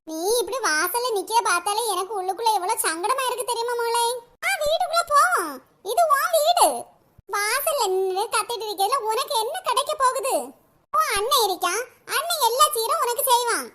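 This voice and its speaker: A woman's voice: very high-pitched, exaggerated voice. A woman voicing a fierce, scolding middle-aged village mother with a Kanyakumari Tamil accent in a cartoon. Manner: sharp, scolding, threatening. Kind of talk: cartoon voice acting.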